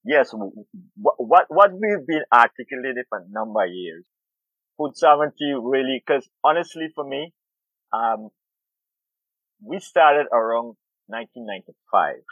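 This middle-aged Guyanese man, an urban farmer and food activist, is an interview guest discussing farming. He is thoughtful, often repeating words while searching for them. His mid-range voice has lively intonation, a moderate pace and slight brightness, with no echo on a tinny, phone-like line.

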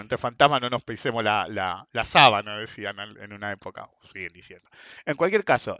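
Animated Rioplatense man telling trading stories. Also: medium pitch, no room sound. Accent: Rioplatense Spanish. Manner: lively storytelling, frequent "ok?" tags. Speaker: trading educator. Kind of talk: casual monologue to viewers. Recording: dull, dry lo-fi sound.

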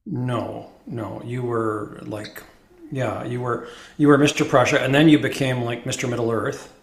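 A man's voice: medium pitch, steady tone, a little slow, vocal fry, roomy sound. A middle-aged or older man with a Canadian accent, hosting casually in a wry, wordy, hesitant conversational style. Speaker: podcast host.

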